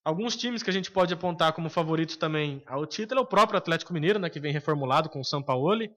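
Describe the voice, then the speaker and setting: A man with a Brazilian Portuguese accent, co-hosting a podcast in casual sports chat, opinionated and hesitant with frequent filler pauses. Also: fairly high pitch, expressive, a bit bright, highs cut off. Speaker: podcast co-host.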